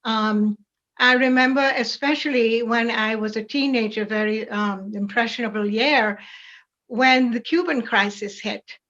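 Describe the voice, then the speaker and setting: An older woman with a Jamaican accent, calmly and reflectively recalling her upbringing as an interview guest. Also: a little high, measured pace, dull audio. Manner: calm, reflective storytelling. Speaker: parishioner guest. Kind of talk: casual interview.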